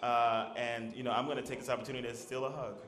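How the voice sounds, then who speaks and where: A man's voice: mid-range voice, level tone, quick pace, fairly bright tone. Man giving formal remarks in an echoey hall. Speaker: government official giving remarks.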